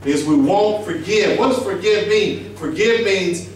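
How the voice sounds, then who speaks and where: A middle-aged man delivers a conversational sermon in a small church. His voice sits fairly high and he keeps tossing questions to the pews. The sound is distant and heavily echoey, recorded from the back of the room. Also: unhurried, a little hiss or hum. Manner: emphatic, conversational preaching with rhetorical questions. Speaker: pastor. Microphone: handheld mic.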